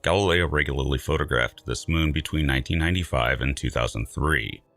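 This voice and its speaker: A man reading scripted science narration in a measured, emphatic, dryly wry way. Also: a bass voice, a bit bright, no echo, faint music behind.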